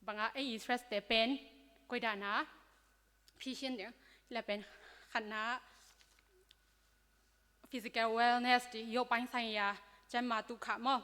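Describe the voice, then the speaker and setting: Bright woman giving a talk in an echoing hall. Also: a little high. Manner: conversational, loose lecturing with many fillers. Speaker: speaker at a church youth seminar. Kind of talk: informal health talk to young people. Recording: hall reverb.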